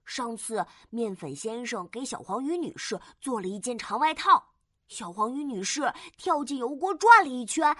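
A woman voicing an excited, chatty mushroom superhero in a children's audio story, gushing eagerly. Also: fairly high pitch, moderate pace, no room sound.

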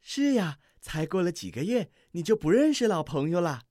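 A kind young deer from a children's storybook speaks softly and gently, as a reader puts him on. He gives in easily and sounds warm-hearted, with a lively, rising voice. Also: mid-range voice, normal speed, no echo, studio quality, voice pushed up, lightly acted. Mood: gentle. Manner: gentle, yielding. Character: kind, playful young deer posing as a tree.

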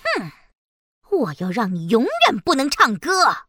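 A woman voicing a scheming old female sea witch in a children's audio story, with a sly, creaky old-lady manner. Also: high voice, wildly swooping pitch, unhurried, bright, forceful tone, dry recording, studio quality, exaggerated voice. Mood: spiteful.

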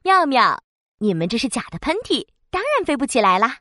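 A woman voicing a gentle, coaxing mother in a children's story. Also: a little high, very animated, brisk, pitched below the performer's own voice. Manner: soft, coaxing. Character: warm, gentle cartoon mom.

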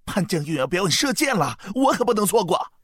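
A man voicing a curious young soldier in a children's story, chattering quickly. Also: high-pitched, big pitch swings, fairly bright tone, dry recording, studio quality, voice pushed up, full character voice.

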